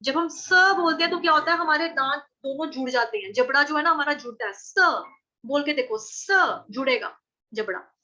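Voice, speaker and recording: A woman teaching Sanskrit verse pronunciation in an online class, patiently repeating syllables and chanting lines slowly over a video call. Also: high-pitched, sharp tone, dull audio. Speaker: Gita recitation teacher.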